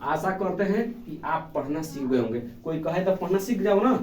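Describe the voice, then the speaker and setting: Guy teaching kids math, high voice, keeps asking and answering himself, kinda far from the mic. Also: animated, normal speed, darkish tone. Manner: keeps asking questions and answering them himself, repeating key words; calls pupils "babu", affectionate. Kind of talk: classroom lesson. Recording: echoey room, voice from off the mic.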